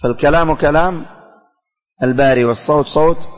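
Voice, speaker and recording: A man's voice: fairly high pitch, brisk, big-room sound. A man teaching a religious studies class, calling on students by name, asking questions and repeating the answers.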